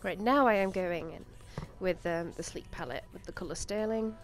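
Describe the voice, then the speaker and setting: A young woman makeup vlogger with a lowish voice, slightly stuffy from a cold, rambles casually at a moderate pace through a tutorial, full of ums and likes. Faint music plays in the background.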